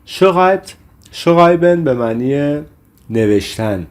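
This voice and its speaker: A man who speaks Persian as his first language explains a German lesson in a fairly low voice. He moves through his explanations at an easy pace. When he says the German example phrases, he slows right down and says them carefully. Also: lively intonation, darkish tone. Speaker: German teacher.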